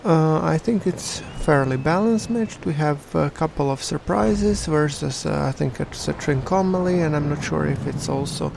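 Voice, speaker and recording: A man giving casual video game commentary in a halting, hesitant way, as the host of a channel. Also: a little high, creaky, noisy background.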